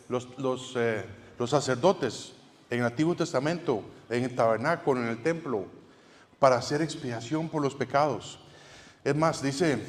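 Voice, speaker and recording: A man preaching a sermon as pastor, in a conversational way with frequent restarts and tag questions. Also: medium pitch. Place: church sanctuary. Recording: church hall with long reverb.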